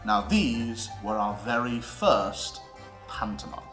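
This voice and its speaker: This British presenter of a theatre history series delivers an educational script with animation, in a bright, forceful, medium-pitched voice. He is emphatic and theatrical, pausing deliberately, while music plays beneath him in an echoey room.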